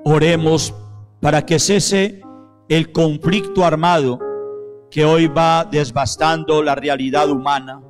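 A solemn priest prays over soft piano, guiding the congregation through liturgical prayer and renewed baptismal promises at the altar. His fairly high voice keeps a fairly even intonation and slow, measured phrasing, captured on a handheld mic.

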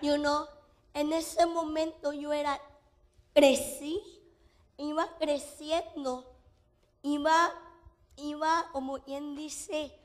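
A woman's voice: high-pitched, little pitch movement, slow, pauses often. A middle-aged woman giving an emotional church testimony, restarting phrases and slipping in English fillers. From Mexico. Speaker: testimony speaker to a congregation.

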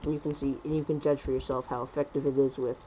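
A young man rambling through casual gameplay commentary at home on a computer mic, talking fast and correcting himself. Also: mid-range voice, level tone, mellow, a little hiss or hum, low-quality recording. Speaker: gaming commentator.

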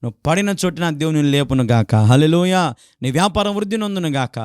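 Telugu-accented pastor man preaching, acts out fights in loud voices, kinda high voice. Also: lively intonation, fast, clean tone, dry recording, clean studio sound. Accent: Telugu, Andhra Pradesh. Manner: acts out quarrels in raised voices; fervent exclamations of hallelujah. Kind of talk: sermon.

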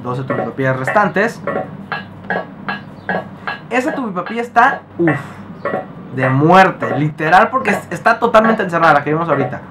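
A man playing a horror game and talking to himself, panicking often and repeating words fast. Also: on the high side, lively intonation, noisy background. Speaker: gaming youtuber. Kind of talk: horror game let's play. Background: loud game music.

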